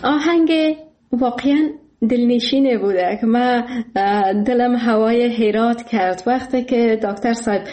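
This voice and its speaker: Polite female radio host with an Afghan Dari accent, higher voice, mellow, slightly echoey room. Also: soft background music. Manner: polite and respectful, with hesitations. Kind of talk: radio interview.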